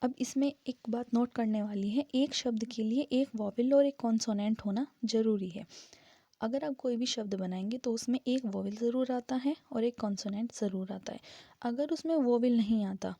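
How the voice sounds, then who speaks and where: Woman teacher, casual lesson, husky, mellow, higher voice, dry close sound, breaks words into syllables. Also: no room sound, muffled recording. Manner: explains step by step, spells out syllables slowly. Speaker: English grammar teacher.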